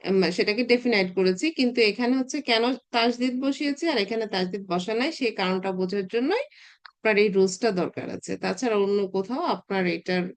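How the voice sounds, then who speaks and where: A woman, teaching a recorded Arabic grammar class and explaining patiently, often pausing on filler words as she thinks. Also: medium pitch. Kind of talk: recorded online class lecture.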